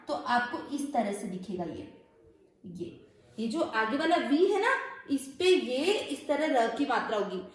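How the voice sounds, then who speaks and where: Female recitation teacher, high-pitched, deliberate pace, heavy room echo. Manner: patient, slow, repeats syllables and asks rhetorical questions. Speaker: Sanskrit pronunciation teacher. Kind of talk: step-by-step recitation lesson. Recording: very echoey room.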